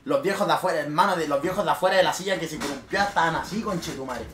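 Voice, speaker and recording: A young man with a Chilean accent, a streamer telling a party story in casual, swear-laden speech with loud bursts. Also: fairly high pitch, rapid-fire, noisy background. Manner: animated, swears freely, with sudden loud bursts. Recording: roomy echo.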